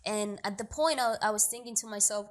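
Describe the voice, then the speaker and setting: A young woman, from the Dominican Republic and raised in New York, talks as a guest in a relaxed interview. Her delivery is lively and playful, full of jokes and laughter, at a middling pitch. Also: brisk. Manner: lively, joking, laughs often. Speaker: guest, actor and producer. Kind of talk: casual interview chat.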